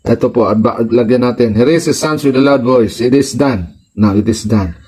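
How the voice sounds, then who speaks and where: Filipino pastor guy preaching, reads a bit then hammers the point over and over, mid-pitched voice. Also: normal speed, darkish tone, slightly rough, rough recording. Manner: reads passages in English then explains them in Tagalog, repeating points emphatically. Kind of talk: preaching sermon, reading and explaining scripture.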